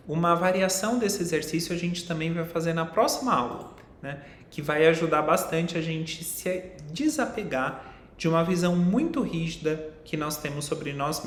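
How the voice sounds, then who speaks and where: In an echoey room with a low rumble in the background, a young psychologist from Brazil runs an online class. He explains ideas in his Brazilian-accented voice and addresses questions directly to the audience.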